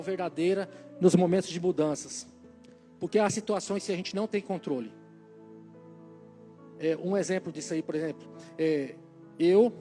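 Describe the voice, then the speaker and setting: A middle-aged man from Brazil with a fairly high voice gives casual, faith-based parenting advice. He tells stories and acts out their dialogue in an animated way. Soft music plays faintly underneath. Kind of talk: casual motivational talk to parents.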